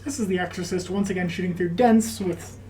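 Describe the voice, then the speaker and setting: A woman's voice: lowish voice, a little fast, warm tone. A woman chatting casually as co-commentator on a tabletop game, muffled by a face mask. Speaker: match co-commentator.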